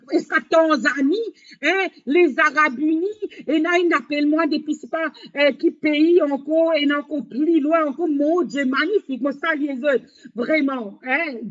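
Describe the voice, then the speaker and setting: A woman hosting a live stream, talking in a rambling monologue with halting, repetitive, broken phrasing. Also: high voice, fairly bright tone. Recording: dull lo-fi sound.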